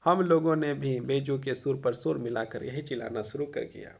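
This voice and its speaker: Gravelly-voiced male Hindi teacher explaining a text. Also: medium pitch, fairly even intonation, moderate pace, darkish tone. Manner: reads a passage, then explains it in casual spoken Hindi with frequent fillers; occasional coughs. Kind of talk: reading and explaining a textbook chapter.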